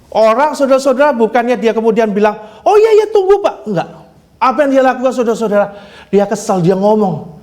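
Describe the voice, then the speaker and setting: High-voiced pastor guy preaching, lively storytelling, talks straight to the congregation. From Indonesia. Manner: animated storytelling, repeatedly addressing the congregation. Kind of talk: sermon.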